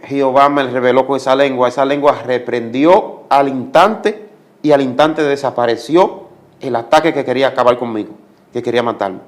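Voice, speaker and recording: Man, guest, religious testimony, preacher-like, repeats phrases, mid pitch. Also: normal speed. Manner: preacher-like, repeats commands for emphasis. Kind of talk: emphatic testimony.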